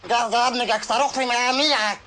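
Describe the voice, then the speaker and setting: A woman playing a sharp-tongued old Egyptian woman. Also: fairly high pitch, fairly even intonation, racing, lightly acted. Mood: tart. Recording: noisy film soundtrack.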